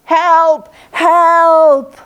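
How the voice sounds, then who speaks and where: A woman's voice: extremely high pitch, little pitch movement, extremely slow, pitched above the performer's own voice, full character voice. A woman voicing a trapped male tiger, calling out in a growly, pleading voice during live storytelling. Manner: loud calling cries.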